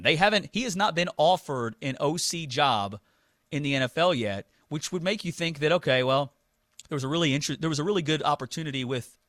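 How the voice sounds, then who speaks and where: A man hosting sports talk radio, giving animated opinions with lots of restarts. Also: a little high, no room sound, studio quality. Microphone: studio mic.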